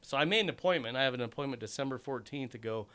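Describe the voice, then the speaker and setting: An American man with a bright, tense-edged voice, heard up close and dry. He steers the casual podcast chat and throws in wry jokes. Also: medium pitch, expressive, rapid-fire, clear, resonant tone, no room sound. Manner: wry, joking asides. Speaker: podcast co-host.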